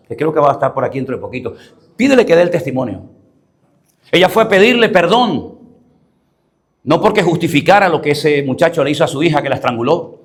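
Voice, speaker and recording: A male pastor preaching to a congregation in church. He is emphatic and confrontational, asks rhetorical questions, and tells humorous personal stories. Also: fairly high pitch. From Venezuela and the Canary Islands. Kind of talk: live sermon.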